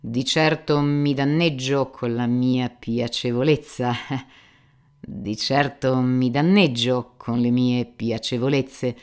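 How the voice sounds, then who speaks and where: An audiobook reader voices a garrulous aging buffoon, declaiming loudly with self-mocking pathos as he rambles through one anecdote after another. The character's voice sits a little above the narration and is full of showy, theatrical bluster. Overall the delivery is slow, smooth and natural, with fairly even intonation.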